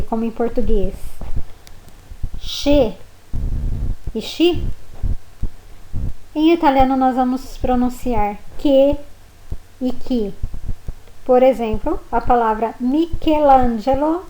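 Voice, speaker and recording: Patient woman language teacher, slightly high, mellow tone, unhurried lesson pacing. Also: a little hiss or hum, rough recording. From Brazil. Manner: patient, spells letters and models words slowly. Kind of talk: slow spoken lesson.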